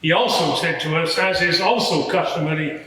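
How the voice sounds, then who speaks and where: A man acts as a Roman soldier at a theatrical courtroom inquiry, testifying to a live audience in a formal, measured tone that's matter-of-fact and a little hesitant as he explains. His voice is on the high side and sharp. It's recorded in a large, very echoey courtroom hall in a public building.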